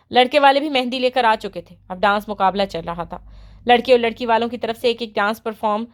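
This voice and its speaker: Lady reading a novel out loud for an audiobook, expressive, a bit high-pitched. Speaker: audiobook narrator. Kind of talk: scripted novel narration.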